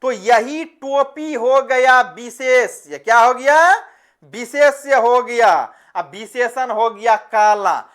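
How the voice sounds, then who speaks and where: A man teaching an online class, speaking slowly. He keeps putting questions to his students and then answers them himself, calling them "beta" as he goes. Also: extremely high pitch, fairly bright tone.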